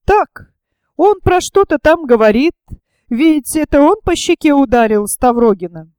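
A woman's voice: high voice, animated, a little slow, darkish tone, no echo, studio quality. A woman voicing a vain, pompous elderly male writer who turns affected and sugary when he fawns. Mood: smug gossip.

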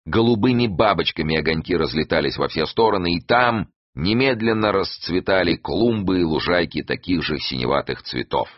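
A man reading an adventure novel aloud as narrator, with expressive storytelling. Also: sits low, moderate pace, no room sound, muffled recording. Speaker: audiobook narrator. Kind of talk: scripted narration.

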